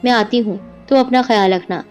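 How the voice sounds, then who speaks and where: A woman's voice: a little high, close to an everyday voice. Woman voicing a frightened tearful young wife. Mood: anxious. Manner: soft, anxious. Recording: dull lo-fi with music behind.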